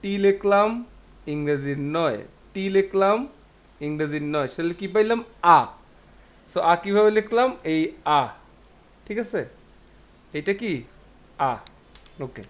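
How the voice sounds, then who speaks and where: A man's voice: sits high, lively intonation, slow, long pauses. A man teaching a language class, patiently repeating syllables one by one and asking rhetorical questions. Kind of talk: classroom lesson.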